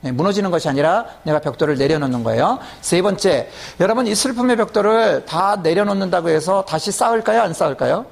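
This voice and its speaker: Lively gravelly male preacher. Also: sits high, quick pace, few pauses. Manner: emphatic, often checks with the audience. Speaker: pastor. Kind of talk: sermon teaching and leading prayer.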